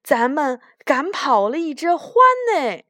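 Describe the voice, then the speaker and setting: A woman voicing a group of little bunnies speaking together in a bright, chirpy voice. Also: high voice, sing-song, slow pace, no room sound, studio quality, exaggerated voice. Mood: proud.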